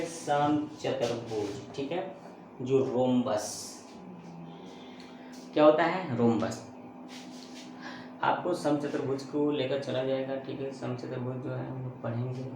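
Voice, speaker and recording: A man's voice: medium pitch, background noise. A man teaching a math lesson who asks and answers his own questions, with chatty, joking asides. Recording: very echoey room.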